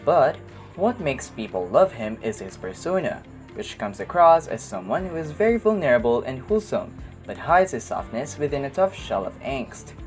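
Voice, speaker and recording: Very low-voiced, lively woman narrator. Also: normal speed, soft background music. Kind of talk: scripted documentary narration.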